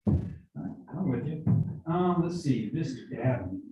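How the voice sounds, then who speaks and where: A man's voice: fairly high pitch, big pitch swings, slow, very echoey, recorded from a distance, dull audio, over music. A man questioning potential jurors in a conversational, explaining way, often repeating his words. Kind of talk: jury selection questioning. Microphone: video call.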